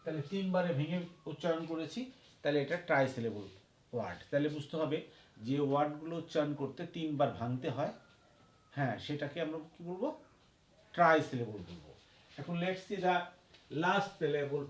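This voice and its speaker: A man teaching a grammar lesson at a board. He talks slowly, repeats each point and spells words out letter by letter. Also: on the high side, reverberant. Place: classroom.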